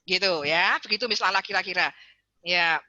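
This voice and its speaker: Bright-voiced woman psychologist on a video call. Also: on the low side, a little fast, no room sound, muffled recording. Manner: animated, acts out parents and children in quotes; addresses listeners repeatedly as parents. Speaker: guest speaker, psychologist and counselor. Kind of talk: parenting seminar talk over video call.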